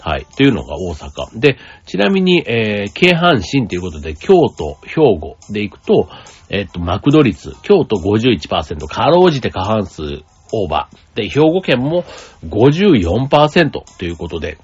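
Chatty man rambling with lively pitch. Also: moderate pace, husky. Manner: rambling, chatty, many fillers and asides. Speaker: podcast host. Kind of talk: casual solo chat. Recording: slightly dull lo-fi audio with faint music.

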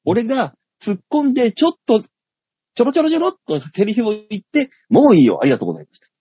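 A middle-aged man tells a story on a chat show, his pitch leaping up and down and his words coming fast. He sounds a little husky, and the recording is dry and slightly dull. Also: no echo. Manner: animated, acts out scenes, laughs at his own story. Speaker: comedian and radio show host.

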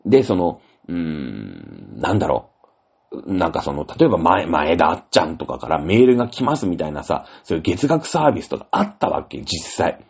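Male host, hugely animated pitch, husky tone, lo-fi audio. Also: a little fast. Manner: rambling, animated storytelling with many fillers. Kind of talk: casual solo talk. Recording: dull lo-fi audio.

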